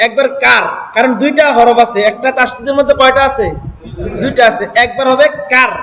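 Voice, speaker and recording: A man teaching Quran reading to a class, sounding out syllables slowly and having the students repeat after him. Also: extremely high pitch, steady tone, creaky. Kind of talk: classroom recitation lesson. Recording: echoey hall with class noise. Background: students repeating aloud.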